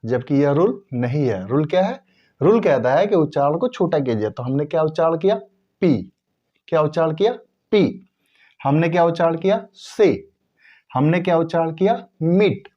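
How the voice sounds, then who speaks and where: A man teaching English pronunciation in a slow, repetitive way, drawing out the example words. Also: on the high side, dark tone, highs cut off. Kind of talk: explanatory lesson to viewers.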